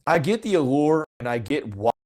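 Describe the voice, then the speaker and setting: A man's voice: on the high side, sing-song, moderate pace, a little mellow, low-quality recording. A man hosting a sports podcast, talking casually and frankly, with many "you know" fillers and restarts. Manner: frank, opinionated, says he calls it as he sees it. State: has the hiccups. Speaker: podcast host. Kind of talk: casual sports talk monologue.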